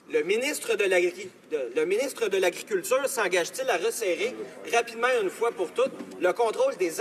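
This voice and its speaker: A man's voice: high-pitched, fairly bright tone. A man with a Quebec French accent putting a formal prepared question in parliament. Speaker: member of parliament asking a question. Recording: reverberant chamber.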